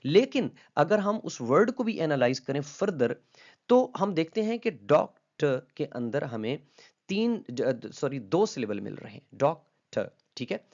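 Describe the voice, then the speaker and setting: Male lecturer, mid-pitched, patient and repetitive, lo-fi audio. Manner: patient, repeats key terms, checks in with "ठीक है?"; mixes English terms into Hindi-Urdu speech. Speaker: linguistics lecturer. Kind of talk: explanatory lecture. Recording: slightly dull lo-fi audio.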